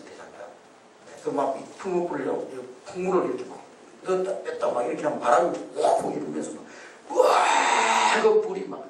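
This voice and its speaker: High-voiced preacher in an echoey church. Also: male voice, slight background noise. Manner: animated, leads call-and-response. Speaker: pastor. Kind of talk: sermon. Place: church sanctuary. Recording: echoey church hall, mic at a distance.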